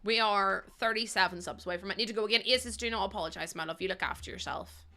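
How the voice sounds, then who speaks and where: Talking fast at a medium pitch, this woman chats casually with her stream viewers. She's talkative, laughs often, and gives the chat a warm welcome.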